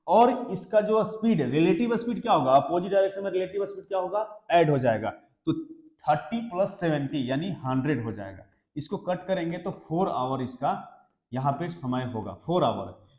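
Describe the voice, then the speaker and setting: A man's voice: fairly high pitch, expressive, normal speed, a little mellow. A male maths teacher giving an exam-prep lesson, explaining step by step and often checking if the class understands. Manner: explains step by step, keeps asking the class questions. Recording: echoey room.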